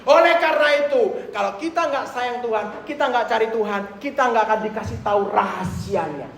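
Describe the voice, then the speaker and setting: A man delivers a sermon in a strikingly high voice, moving between quiet explanation and sudden loud bursts as he acts out a story. The sound is roomy and echoey, with faint ambience behind him. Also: fairly quick, vocal fry, slight background noise. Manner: animated storytelling with acted-out quotes and sudden loud outbursts. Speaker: preacher.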